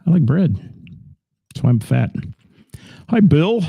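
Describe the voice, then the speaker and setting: Gravelly, dark-voiced male radio host. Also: a little high, sing-song, unhurried, no echo, clean studio sound. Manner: chatty and rambling, self-deprecating. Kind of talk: casual radio chat reading listener comments.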